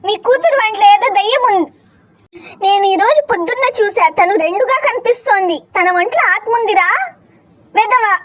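A fussy old village grandmother in a cartoon, as a woman plays her, scolding loudly and fretting over the family. Her voice sits very high. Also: moderate pace, no room sound. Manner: scolding, cries out in fright. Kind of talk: cartoon voice acting.

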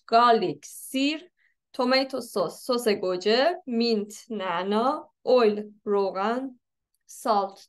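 A young woman teaching an English lesson in a slightly high voice. She reads English sentences slowly and deliberately, then explains them at a brisk, casual pace. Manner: switches between slow read-aloud English and quick explanations.

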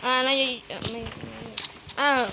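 A gamer giving casual gameplay commentary in short, slangy, muttered reactions. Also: moderate pace. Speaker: gamer commentating while playing. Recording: very noisy home gaming recording.

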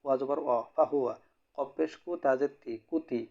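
A man teaching Quran reading, spelling out syllables and repeating them in a slow, rhythmic drill. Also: mid-range voice, fairly even intonation, creaky. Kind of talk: slow spelled-out recitation lesson. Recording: dull lo-fi recording.

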